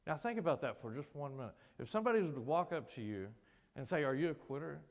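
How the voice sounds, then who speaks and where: A man's voice: fairly high pitch, sing-song, quick pace, a little mellow. A man who is a military veteran, speaking to a school assembly and telling a personal story with casual, self-deprecating humor. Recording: long hall reverb.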